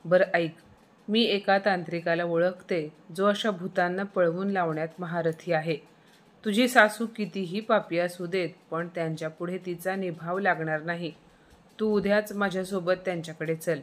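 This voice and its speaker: A fearless elderly mother, as a woman narrator plays her in a storybook tale. She sounds boastful and dismissive, with a lowish, slightly raised voice. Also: steady tone, moderate pace, lightly acted. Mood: defiant.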